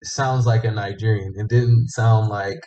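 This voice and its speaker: A man's voice: on the low side, fairly even intonation, a little slow, warm tone, lo-fi sound. A man explaining in a confident, matter-of-fact way. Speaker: scam investigator. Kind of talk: explanatory conversation.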